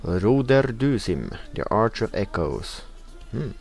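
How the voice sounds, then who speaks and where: Here the young Norwegian let's play host speaks slowly in a lowish, creaky, sing-song voice. He comments casually on a computer game, reading in-game text out loud and hesitating often with "uh."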